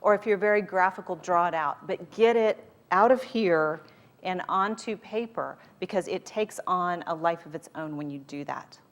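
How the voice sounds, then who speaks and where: A woman's voice: fairly low pitch, normal speed. A woman speaking as a motivational workshop leader to a live group, conversational and emphatic, often using rhetorical questions.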